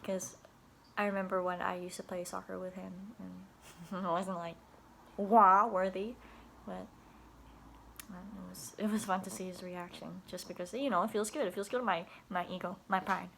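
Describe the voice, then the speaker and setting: A woman's voice: fairly low pitch, steady tone, normal speed, gravelly, fairly bright tone, a little hiss or hum. A young woman telling a casual video diary about her day at after-school care, chatty and giggly, with many restarts and laughs.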